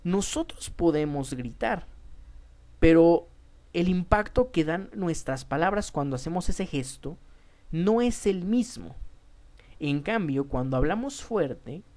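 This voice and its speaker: A woman with a Mexican Spanish accent leads a public speaking lesson as a teacher. Her voice sits low and sounds mellow and relaxed. She speaks emphatically to her students, often repeating a word as she restarts.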